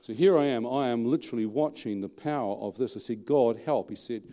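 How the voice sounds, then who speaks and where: This is a storytelling sermon from a middle-aged Australian man preaching his own testimony. He tells it in a lively, colloquial way, often throwing questions at the audience, his voice medium in pitch and fairly quick.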